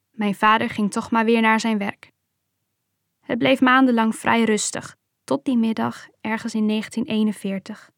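Calm woman reading a memoir. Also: a little high, creaky, dry recording, clean studio sound. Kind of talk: first-person memoir reading.

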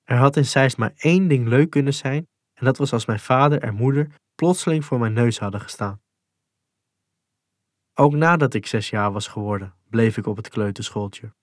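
A man calmly reading a first-person memoir in a measured, sober way. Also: mid-range voice, no echo, clean studio sound. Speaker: narrator. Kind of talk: scripted memoir narration.

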